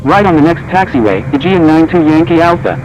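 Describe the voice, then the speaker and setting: A man's voice: fairly high pitch, lively intonation, brisk, muffled recording, background noise. A man talking as a pilot over the radio, giving clipped, formulaic readbacks to ground control. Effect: pilot radio transmission.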